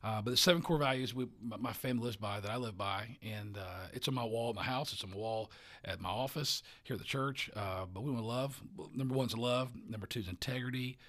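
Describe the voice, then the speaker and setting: A male pastor speaks in a relaxed podcast chat, his pitch sitting in an ordinary middle range. He is earnest and often trips over himself, repeating words before pushing on with his point. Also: fast talker. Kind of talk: casual podcast conversation.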